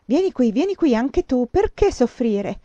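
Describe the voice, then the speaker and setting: A woman's voice: high voice, big pitch swings, measured pace, dark tone, no echo, full character voice. A woman reading aloud, voicing a deranged male cocaine addict who murmurs, coaxes and threatens. The recording sounds dull and dry. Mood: coaxing, menacing.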